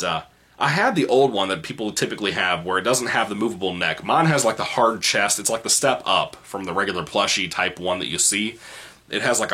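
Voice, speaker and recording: A young man in his twenties talks casually to his viewers, answering their comments. He rambles, corrects himself and laughs often. His voice is lowish, bright and a touch husky. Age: 20s. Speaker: channel host answering comments. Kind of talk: casual chat.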